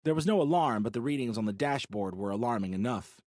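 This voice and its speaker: A man narrating a science fiction audiobook in an even, measured way. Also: mid-range voice, no room sound, studio quality. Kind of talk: scripted narration.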